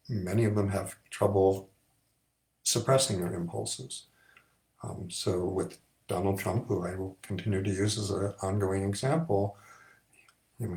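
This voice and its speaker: A middle-aged male psychiatrist giving an explanatory lecture to camera, measured and thoughtful, with frequent ums. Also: fairly low pitch, dark tone.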